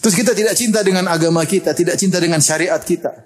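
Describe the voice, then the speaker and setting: Male preacher, husky, raised pitch, animated storyteller, lively sermon delivery. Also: racing. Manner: animated storytelling, laughs often.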